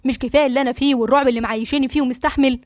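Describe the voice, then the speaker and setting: An anxious young husband from a storybook who presses with questions, speaking in Egyptian Arabic, as a woman reads him. The voice sits fairly high and races along very fast. It is close and dry, with no room around it. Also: fairly even intonation, no echo, close to an everyday voice. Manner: insistent questioning.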